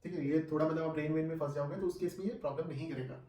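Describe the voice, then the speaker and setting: A vlogger reviewing gear talks casually and conversationally in a rapid-fire, steady voice that is mellow and a little higher than average. He sits some distance from the microphone in a noticeably echoey room. He sprinkles English phrases and brief check-in questions into what he says.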